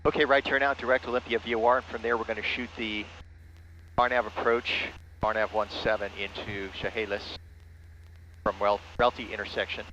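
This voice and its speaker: A man's voice: lowish voice, flat delivery, moderate pace, sharp tone. A man piloting a small plane, making clipped procedural radio calls and narrating the flight over a headset. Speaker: pilot and ham radio operator. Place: small airplane cockpit in flight. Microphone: aviation headset. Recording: muffled cockpit radio audio, aircraft noise. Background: light aircraft engine noise.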